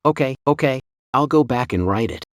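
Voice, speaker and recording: An actor playing a greedy, two-faced orchard owner who talks in a pleading, resentful way in a dubbed drama. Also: male voice, medium pitch, expressive, normal speed, no room sound, studio quality, lightly acted.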